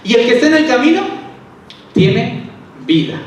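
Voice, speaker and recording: A man's voice: extremely high pitch, sing-song, normal speed, slight background noise. A male pastor preaching a sermon, who explains scripture through rhetorical questions. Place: church. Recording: echoey church hall from far off.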